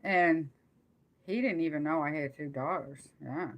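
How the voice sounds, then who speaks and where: A middle-aged or older woman chatting casually on a live stream, rambling and halting as she trails off mid-thought. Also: sits low, dull audio.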